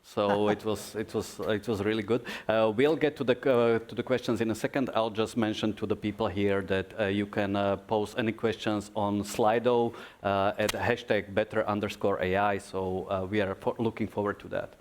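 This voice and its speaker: Guy w hosting a q&a, lowish voice, pretty informal. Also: steady tone, normal speed, hardly any pauses. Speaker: event moderator. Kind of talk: live question-and-answer moderation.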